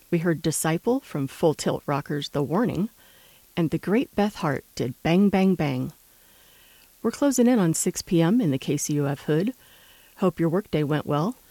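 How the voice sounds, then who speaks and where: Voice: medium pitch, mellow, dry recording. A radio DJ presenting music between sets.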